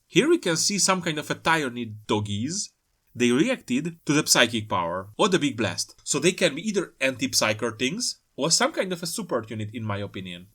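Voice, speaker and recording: In a slightly scripted-sounding but casual take on trailer pictures, the hobby video's host jokes around with playful asides. His mid-range voice is a bit bright.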